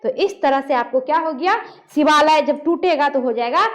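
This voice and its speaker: A woman's voice: sits high, moderate pace. A woman teaching a grammar lesson, asking questions and answering them herself. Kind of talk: classroom lesson at a board.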